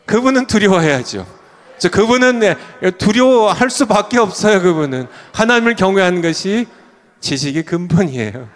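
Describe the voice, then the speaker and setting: An older man preaching a revival sermon as a pastor, shouting some lines with fervor and dropping to a low voice for others, chuckling now and then. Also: animated, normal speed. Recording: long hall reverb.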